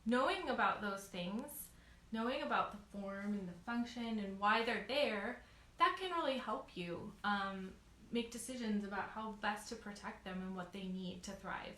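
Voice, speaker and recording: A woman co-hosting an educational session for children in casual chat, haltingly thinking aloud. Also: medium pitch, a bit bright. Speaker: co-host of a children's question session. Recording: echoey room, background noise.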